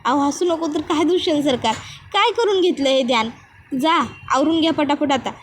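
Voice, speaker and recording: A stubborn young village bride, put on by a woman narrator, who protests in a rustic village dialect. Her voice sits high and a little raised. There is a faint hum of room noise behind her. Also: moderate pace, natural voice. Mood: cheerful.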